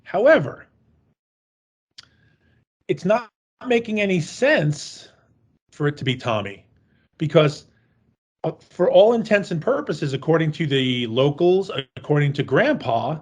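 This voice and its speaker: A man's voice: on the high side, sing-song, a little slow, long pauses, breathy edge. A man co-hosting a horror film podcast, chatting casually in a rambling, jokey and profane way. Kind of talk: casual chat.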